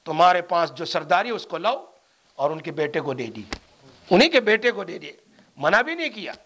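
High, bright-voiced man preaching animatedly. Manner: animated, rises to loud emphatic peaks. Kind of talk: Quran commentary sermon.

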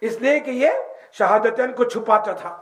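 A man with a very high voice delivers an animated sermon. He asks the listeners questions and raises his voice now and then. The sound carries a roomy echo. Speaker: preacher.

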